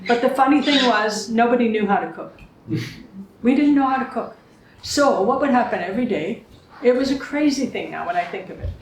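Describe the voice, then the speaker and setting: A fairly high-voiced older woman, in her seventies, sharing stories with a small gathering. She talks in a chatty way, laughs easily and acts out the lines of the people in her tales. The sound is roomy, with echo off the walls. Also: lively intonation, fairly quick, slight background noise. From Canada. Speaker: guest speaker. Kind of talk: anecdotal storytelling to a small group. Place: room with a small live audience. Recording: echoey room.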